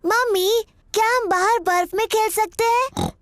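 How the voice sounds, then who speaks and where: A woman's voice: very high-pitched, a little slow, no echo. A woman voicing a bossy, playful little girl pig with a chirpy, childlike manner in a children's cartoon. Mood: eager.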